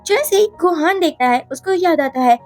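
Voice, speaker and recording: A woman narrating a drama recap in a brisk storytelling way. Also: extremely high pitch, animated. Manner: brisk, mixing in English words. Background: faint music.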